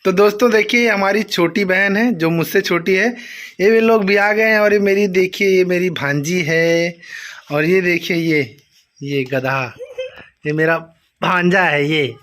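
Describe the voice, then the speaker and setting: A man with an eastern Uttar Pradesh Bhojpuri accent hosting a casual family vlog, loud and teasing. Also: high-pitched, unhurried. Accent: Bhojpuri-speaking eastern Uttar Pradesh. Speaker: vlog host.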